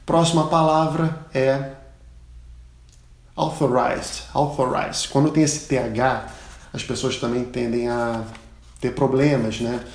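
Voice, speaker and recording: A chatty Brazilian pilot and aviation English instructor gives a casual spoken lesson in pilot English, with a Brazilian Portuguese accent. He explains through anecdotes and repeats model words loudly. His mid-range voice is steady and measured, recorded with a roomy sound.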